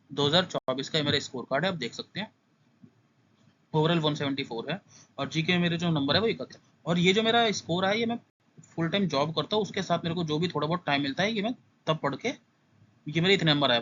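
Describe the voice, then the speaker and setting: A man's voice: fairly high pitch, a bit bright, dull audio, slight background noise. A young man giving a casual exam-prep lesson, skimming through points and repeating what students must know.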